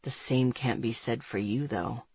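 A woman voicing a smug, confident man with a low, dry, teasing delivery. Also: unhurried, warm tone, husky, no echo, heavily acted.

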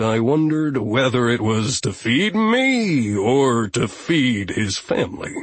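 A man voicing a bitter, sardonic male billy goat in an audiobook, snide and deadpan, with a husky voice. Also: mid-range voice, no echo.

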